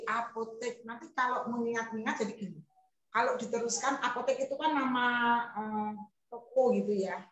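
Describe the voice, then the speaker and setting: A woman's voice: on the high side, fairly bright tone. A woman primary school teacher, giving a chatty classroom lesson and acting out her pupils' lines. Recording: echoey room, voice from far off.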